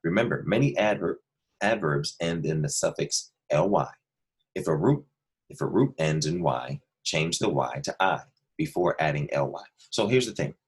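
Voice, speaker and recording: A man's voice: a bass voice, lively intonation, moderate pace, slightly rough. A male second grade teacher patiently walking young students through a worksheet, explaining each step and repeating key points. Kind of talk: remote lesson walkthrough.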